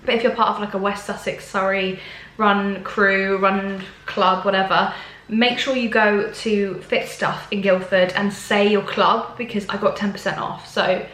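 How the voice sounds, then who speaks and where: A woman's voice: medium pitch, flat delivery, a little slow, a bit bright, reverberant, low-quality recording. A young woman, chatting casually and bubbly to camera in a weekly vlog, full of ums and likes. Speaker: vlogger.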